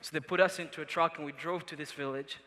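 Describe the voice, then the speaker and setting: Bright-voiced man speaking in an arena. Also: a little high, steady tone, fast talker. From Congo. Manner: earnest storytelling to a live audience. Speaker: event speaker. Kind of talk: motivational speech. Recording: reverberant large arena.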